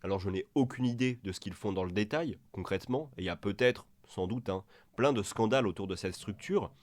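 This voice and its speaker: A man's voice: lowish voice, a little fast, no echo. A man giving sarcastic reaction commentary, mocking and crude, talking straight to the person in the clip he is answering. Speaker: video commentator.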